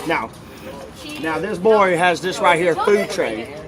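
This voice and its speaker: A man's voice: sits high, lively intonation, takes it slowly. A man playing a boastful, rambling old grandpa inventor who keeps calling everyone son and whippersnapper, in an improvised comic bit. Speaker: performer of a comic sketch. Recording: noisy crowd chatter outdoors.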